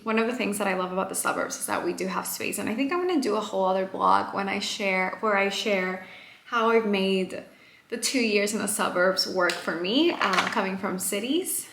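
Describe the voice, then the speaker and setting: At home with a roomy echo around her, a woman whose first language is Spanish chats casually to camera as a lifestyle vlogger. She's upbeat and encouraging, speaking at normal speed in a medium-pitched, slightly bright voice.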